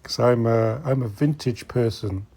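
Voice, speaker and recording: His mid-range voice is gravelly and mellow with a breathy edge, and he takes his time. This middle-aged host of a vintage collecting vlog wanders a secondhand shop, giving viewers relaxed, chatty commentary and occasionally muttering to himself.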